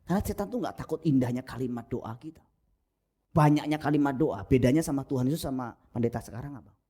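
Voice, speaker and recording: A man preaching a sermon as pastor, animated and jokey, with mimicry and sudden soft asides, on a lo-fi church recording. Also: quick pace, breathy edge. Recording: lo-fi low-bitrate church recording.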